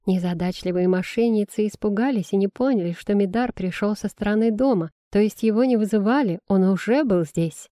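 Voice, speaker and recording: A woman reads a first-person fantasy audiobook in an even, storytelling manner. Her voice is mellow and warm, recorded close and dry. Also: medium pitch, a little fast, few pauses, no echo. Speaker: audiobook narrator.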